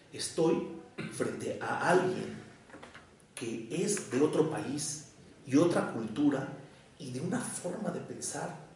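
A psychoanalyst with a Mexico City Spanish accent gives an academic lecture to an audience, speaking slowly and deliberately in short phrases with brief pauses between them. His voice is gravelly and somewhat dark, at an ordinary pitch. The room is very echoey and the mic sits far from him.

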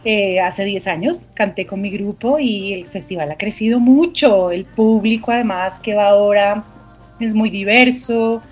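A woman's voice: mid-range voice, unhurried. Woman from Colombia, jazz singer, reflective interview answers, faint music underneath. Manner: thoughtful, searching for words, many restarts.

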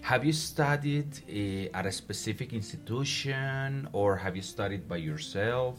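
This host speaks at a measured pace in an animated, mid-range voice, with faint music behind, while interviewing a student for listeners. He or she cheers her on, restates the questions and gives her the words she lacks.

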